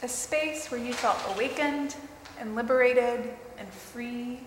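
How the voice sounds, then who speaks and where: Female meditation guide, higher-pitched, unhurried and deliberate, recorded in a noisy reverberant space. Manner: slow, deliberate, pausing between short phrases. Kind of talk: guided mindfulness meditation addressed to a group. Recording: roomy, reverberant hall with clear background noise.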